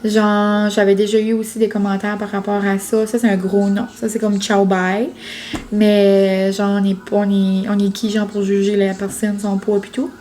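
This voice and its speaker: A woman's voice: mid-range voice, little pitch movement, normal speed, warm tone. A young woman with a Quebec French accent, vlogging in a casual, rambling way, full of fillers and restarts. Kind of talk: casual chat to camera.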